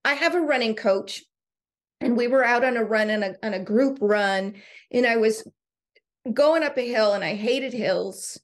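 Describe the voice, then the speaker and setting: Higher-voiced woman telling stories. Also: measured pace. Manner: storytelling, animated, laughs often. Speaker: podcast co-host and coach. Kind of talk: casual podcast chat.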